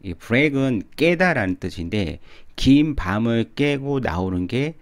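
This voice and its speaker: A man teaching English pronunciation through song lyrics, calmly explaining and slowly repeating words to model them. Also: mid-range voice. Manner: calm explanatory.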